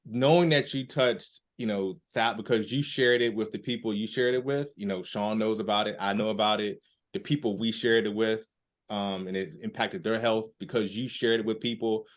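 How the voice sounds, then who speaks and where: A man with a fairly low voice interviews a guest. He gropes for words and strings his question out at length. His listening is full of quiet agreement sounds. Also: fairly even intonation, moderate pace. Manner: hesitant, rambling questions with back-channel mm-hmms.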